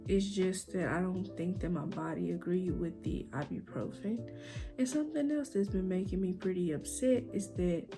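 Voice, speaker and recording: A young woman talks casually to her vlog audience in an informal, chatty way. Her voice has a noticeable creak and sits at a medium pitch, with music playing behind her. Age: young adult. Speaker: vlogger. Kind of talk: casual vlog chat to camera.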